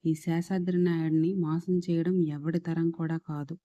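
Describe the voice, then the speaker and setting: A woman's voice: deep voice, level tone, moderate pace, warm tone, no room sound, highs cut off, natural voice. A woman voicing a cruel male gangster boss who gloats and taunts in a storybook reading. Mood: gloating.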